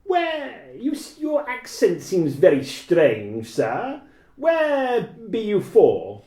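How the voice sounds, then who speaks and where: A man's voice: sits high, sing-song, a little slow, darkish tone, voice pushed up. A man doing a wary young plague doctor. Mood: suspicious. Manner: archaic, probing questions. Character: suspicious formal young male plague doctor. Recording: echoey room.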